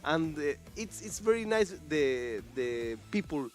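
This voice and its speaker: A man's voice: on the high side, very animated, measured pace. A male esports commentator speaking live from a tournament venue, enthusiastic and repetitive, with slightly non-native phrasing.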